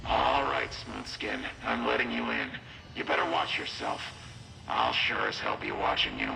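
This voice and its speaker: An actor playing a gruff, suspicious ghoul gatekeeper in a video game, with a gravelly voice and a wary, menacing manner. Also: male voice, mid-range voice, huge pitch swings, normal speed, background noise, full character voice. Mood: wary, threatening. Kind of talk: video game character dialogue.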